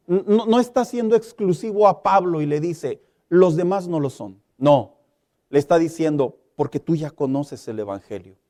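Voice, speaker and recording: High-voiced preaching man. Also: a little mellow. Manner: emphatic preaching, rhetorical questions, acts out little dialogues. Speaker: pastor. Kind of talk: sermon.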